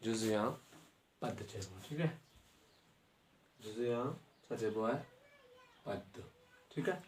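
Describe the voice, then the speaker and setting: A man's voice: lowish voice, slow, darkish tone. A man with a Sindhi accent teaching a grammar lesson, often checking that the class has understood. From Sindh, Pakistan. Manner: checks understanding with frequent rhetorical questions. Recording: echoey room, mic at a distance, faint noise.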